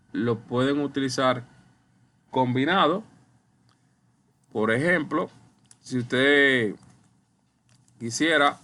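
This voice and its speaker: Slow deliberate male teacher. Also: medium pitch, sharp tone. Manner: slow, deliberate explaining, addresses viewers as ustedes. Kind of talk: recorded online lesson over slides. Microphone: computer mic while writing with a mouse.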